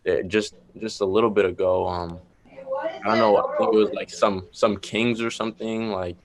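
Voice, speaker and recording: Very low, flat-voiced young Boston rapper. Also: male voice, moderate pace, a crowd in the background. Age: young adult. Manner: laid-back, rambling with many fillers. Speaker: guest rapper. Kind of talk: casual interview chat.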